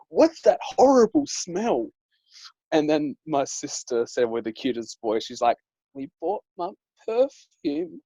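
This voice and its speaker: A man's voice: medium pitch, no echo, low-quality recording. Chatty young man, dry sound. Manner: chatty storyteller, lots of "like" and "um". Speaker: dating coach and host. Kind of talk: casual chat.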